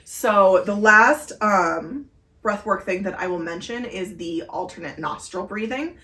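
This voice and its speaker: A woman's voice: mid-range voice, unhurried, sharp tone, distant mic. A woman co-hosting a podcast, earnestly explaining breathing exercises in casual chat with many fillers. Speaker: podcast co-host. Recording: echoey room heard from afar.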